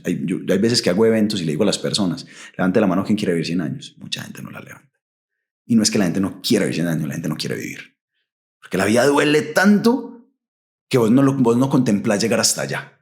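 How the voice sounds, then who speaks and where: A man's voice: deep voice, animated, quick pace. A young adult man with a Colombian Paisa accent, telling his story as a podcast guest, vivid and full of local slang. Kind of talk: animated testimony.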